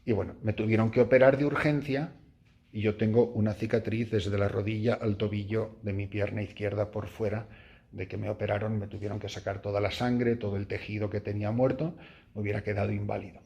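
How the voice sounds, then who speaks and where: A middle-aged priest from Spain, speaking with a Spanish accent, gives a retreat meditation to a group of nuns and tells a story with lively, playful animation. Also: male voice, fairly quick, gravelly, dull audio. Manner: animated storyteller, jumps high acting out his own cries and laughs. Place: room with a small group of nuns.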